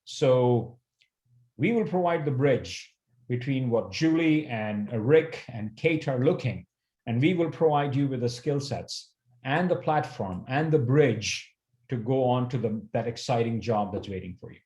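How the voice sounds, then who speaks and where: A man's voice: medium pitch, expressive, unhurried, darkish tone, lo-fi sound. Earnest man presenting slides on a call. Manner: earnest, with frequent fillers and restarts. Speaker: university supply chain educator. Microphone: video call. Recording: roomy echo.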